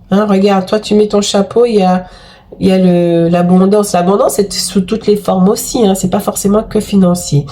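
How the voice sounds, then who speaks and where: A tarot and oracle card reader with a cold, speaking in a warm, mid-range voice, gives her viewers a chatty, effusive reading. Her talk is full of exclamations and fillers.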